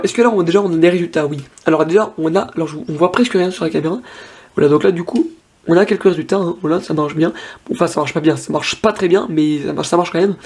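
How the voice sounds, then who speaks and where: A man's voice: fairly high pitch, a little mellow, slightly rough. A young man casually demoing an old tablet on camera, thinking aloud with lots of fillers and restarts. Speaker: tech vlogger. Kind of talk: casual hands-on device demo.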